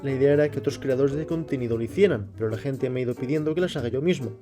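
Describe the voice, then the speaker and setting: A man, reading a scripted explanation at a measured pace. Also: mid-range voice, music in the background. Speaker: channel host. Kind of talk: scripted narration.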